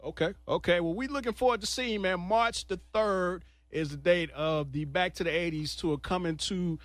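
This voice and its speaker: A man's voice: high-pitched, moderate pace, no room sound. A man hosting a radio interview, talking eagerly and conversationally like a fan. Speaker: radio host.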